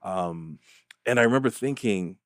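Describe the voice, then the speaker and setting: A man hosting a podcast interview, asking questions thoughtfully and backing the guest with steady "mm-hmm"s. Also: on the low side, unhurried, no room sound, clean studio sound. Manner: thoughtful, frequent "mm-hmm" backchannels. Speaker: podcast host. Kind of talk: casual interview conversation.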